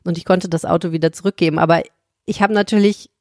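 A woman's voice: lowish voice, fast, no echo, clean studio sound. A woman co-hosting a podcast, telling anecdotes in casual chat and acting out her own thoughts. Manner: lively storyteller, acts out her own thoughts. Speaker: podcast co-host.

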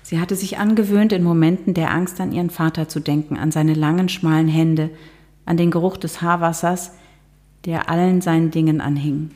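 A middle-aged woman, an author and TV journalist, reading from her novel and then chatting in an interview with measured humor. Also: low-pitched, steady tone, a little mellow. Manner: measured, lightly humorous, some hesitations.

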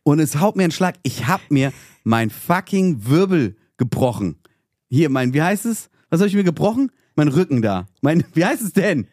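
Animated young man telling a story. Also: fairly high pitch, moderate pace, no echo, studio quality. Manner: animated storytelling, swearing, mock outrage. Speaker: podcast co-host. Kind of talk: casual chat.

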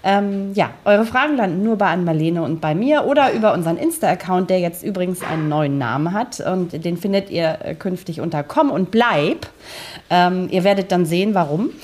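A woman co-hosting a podcast in casual chat, agreeable and quick to laugh, backing her partner with short affirmations. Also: lowish voice, animated, a little mellow. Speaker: podcast co-host.

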